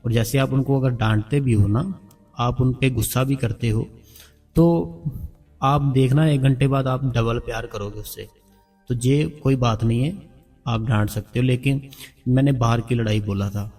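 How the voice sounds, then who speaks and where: A man gives gentle, repetitive spiritual advice in an informal devotional talk. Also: mid-range voice, a little slow, far from the mic, faint music behind. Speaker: spiritual channel host.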